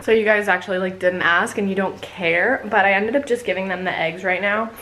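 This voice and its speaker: Young female vlogger, relaxed and chatty, mid-range voice, talks with many fillers. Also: mid-range voice, fairly quick, a little hiss or hum, rough recording. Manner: chatty, lots of filler words. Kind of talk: casual vlog narration.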